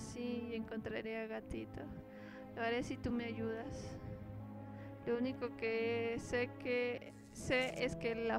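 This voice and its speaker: Higher-pitched woman reading game text aloud. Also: vocal fry. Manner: reads dialogue aloud, breaks off with startled exclamations. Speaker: streamer playing a horror game. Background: game music.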